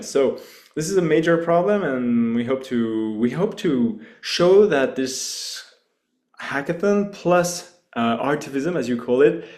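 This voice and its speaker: A man with a French accent, hosting a hackathon launch call in a relaxed, hesitant way with many fillers. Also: mid-range voice. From France. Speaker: hackathon organizer and host. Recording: roomy echo.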